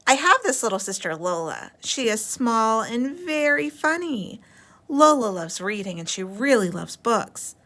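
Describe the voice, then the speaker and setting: A woman reads a picture book aloud to children with an animated, expressive delivery. Her pitch moves freely, and her voice is bright. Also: a little slow. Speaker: storyteller reading to children.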